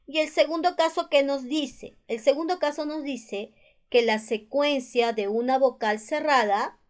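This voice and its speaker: Her voice is high and a little slow. She is a teacher with a Peruvian Spanish accent who patiently explains spelling rules over slides, repeating each one.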